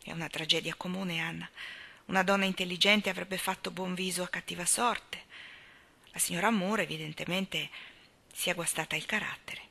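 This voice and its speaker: A woman's voice: on the low side, steady tone, moderate pace, creaky, pushed and bright, full character voice. A woman reading the lines of a teasing, matter-of-fact young husband. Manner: teasing, judging.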